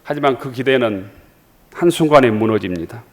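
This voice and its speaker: A man's voice: medium pitch, animated, normal speed. A man with a Jeolla accent preaching a sermon as pastor, repeating phrases and asking rhetorical questions. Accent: Jeolla Korean. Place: church sanctuary. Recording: reverberant church hall.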